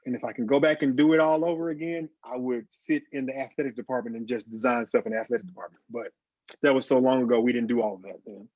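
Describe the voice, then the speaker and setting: A graphic designer in his forties talks about his life as a guest in a casual video-call interview. He has a slight lisp from dental aligners, and his mid-range voice is steady, fast and somewhat dark. The video-call audio sounds dull, with no room sound.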